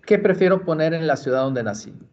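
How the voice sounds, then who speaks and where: Explaining computer steps for a library tutorial, a man from Mexico speaks in an animated, slightly high voice with a darkish tone. He's slow and patient, taking one step at a time. The screen recording has dull lo-fi sound and slight background noise.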